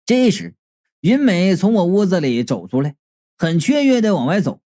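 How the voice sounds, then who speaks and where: A woman reading a comic story aloud in an animated, exclamatory storyteller's manner. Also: fairly low pitch, normal speed. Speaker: audiobook reader.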